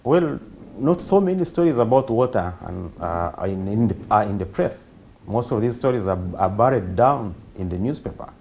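A man from Uganda in his thirties, a journalist answering interview questions quickly and repeating himself. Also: on the low side, animated, a little mellow, a little hiss or hum.

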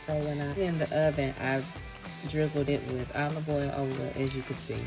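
A young woman with a low voice chats casually into a handheld phone camera in her home kitchen. She is playful and pokes fun at herself as she goes. Upbeat pop music plays clearly under her voice. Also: flat delivery, normal speed. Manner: chatty, playful, self-mocking. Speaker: vlogger and mother. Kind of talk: casual cooking vlog chat. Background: background pop music.

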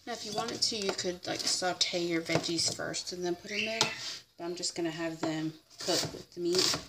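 A young American woman's fairly low voice, at a normal speed, narrates a casual step-by-step cooking demo in her home kitchen in a chatty, informal way. She is a home cook and vlogger, filmed by a fixed camera on the counter amid loud clatter and people in the background.

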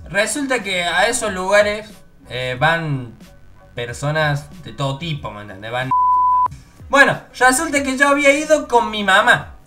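A young man from Córdoba, Argentina, with a Córdoba accent, telling funny personal stories in a casual, animated way and acting out the voices of people he quotes. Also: sits high, a little slow, over music. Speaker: YouTuber. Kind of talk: casual storytelling.

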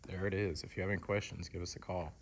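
A man giving a relaxed, conversational walkaround of a car in a large indoor showroom, speaking from behind the camera. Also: low voice, fast talker, slight background noise. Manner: relaxed, conversational, lots of fillers. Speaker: car dealer. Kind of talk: casual walkaround sales tour.

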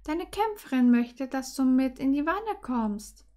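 A woman doing a high emotional heroine. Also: expressive, unhurried, dark tone. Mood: playful, seductive. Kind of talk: fan fiction reading.

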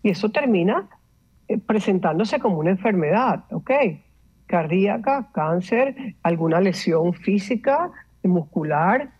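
A woman, a meditation coach explaining calmly and instructively, mixing in English words. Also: mid-range voice, a little slow, breathy edge, lo-fi sound. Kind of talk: explanatory interview talk.

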